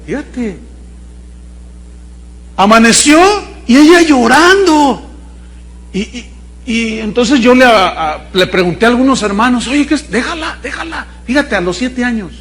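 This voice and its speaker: A man's voice: very high-pitched, animated, unhurried, long pauses, fairly bright tone, a little hiss or hum. A male pastor preaching a sermon in a conversational storytelling way, with dry irony toward his listeners. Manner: conversational storytelling, acting out people he quotes.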